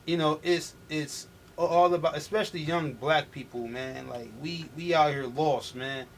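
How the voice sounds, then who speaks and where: A man's voice: on the high side, fairly even intonation, normal speed. A young adult man from Milwaukee, a rapper being interviewed, who talks loosely with slang and frequent restarts. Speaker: rapper guest. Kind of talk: casual interview chat. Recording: faint background noise.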